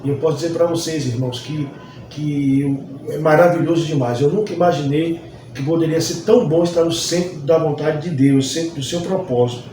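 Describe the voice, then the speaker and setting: A man's voice: fairly high pitch, a little fast, warm tone, slight background noise. A man from Bahia, a Baptist pastor, teaching a Bible study lesson earnestly and repeating phrases for emphasis. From Bahia, Brazil. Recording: distant mic, very echoey room.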